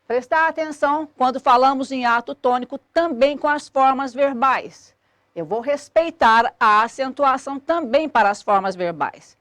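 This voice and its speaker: A woman, explaining a grammar lesson clearly and methodically as a teacher. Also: high-pitched, normal speed, fairly bright tone, dry recording.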